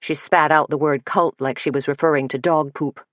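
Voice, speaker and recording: A woman narrating an audiobook mystery in a steady, measured reading. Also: sits low, no echo. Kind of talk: scripted narration.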